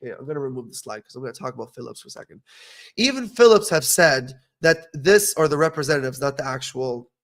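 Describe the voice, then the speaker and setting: A young man who studied dentistry hosts a casual educational podcast, talking fast in a mid-range, fairly bright voice with lively intonation. He gives blunt, opinionated advice and keeps checking in with "okay?"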